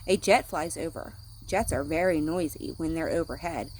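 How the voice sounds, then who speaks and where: A woman's voice: low-pitched, moderate pace, a little mellow, a little hiss or hum, poor audio. A woman reading a picture book aloud to children, speaking simply like a teacher to young listeners. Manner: acts out sound words.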